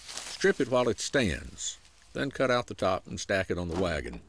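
A man with a Southern US accent narrating a documentary feature in a folksy, unhurried storytelling way. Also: deep voice, very animated, a bit bright, slight background noise. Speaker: program host and narrator. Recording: voice-over with music underneath.

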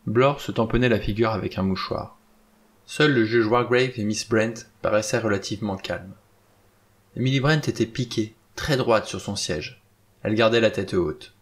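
A man reading a novel aloud in a steady, plain narrating voice. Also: lowish voice. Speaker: audiobook reader.

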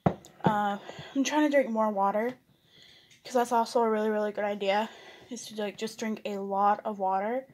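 A woman's voice: mid-range voice, steady tone, moderate pace, a little mellow. A young woman vlogger chatting casually while eating, rambling with lots of fillers and restarts.

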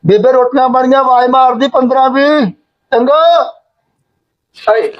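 An actor playing a naive, simple-minded grown son who talks in a rambling, childlike way. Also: male voice, very high-pitched, steady tone, moderate pace, dull audio. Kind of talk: village short-film acting.

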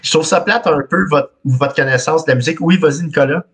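A man's voice: fairly high pitch, fast talker, fairly bright tone, husky. A man in his thirties with a Quebec French accent hosting a casual podcast quiz over a video call, reading clues in the first person and laughing often. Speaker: quiz host. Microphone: video call webcam.

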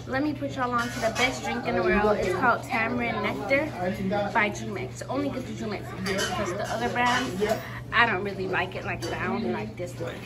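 A young woman chatting casually in a home vlog, relaxed and rambling with fillers, filmed on a phone held at arm's length. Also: a little high, a little fast, loud music behind the voice. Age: young adult. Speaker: vlogger. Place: home, kitchen and bedroom indoors.

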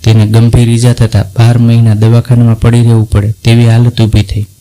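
A male narrator reads a scripted devotional folk story at an unhurried, even pace. His medium-pitched voice is mellow and somewhat dark, with almost no rise or fall, and the recording is rough.

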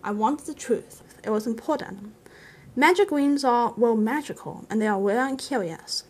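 A woman voicing a grave old male wizard, stern and commanding, with a measured, advising manner in a storybook reading. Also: on the high side, expressive, a little hiss or hum, close to an everyday voice, rough recording. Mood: grave, firm.

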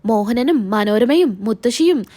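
Woman narrator, casual serial plot recap, high voice, chatty storytelling. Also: expressive, a little slow, dark tone.

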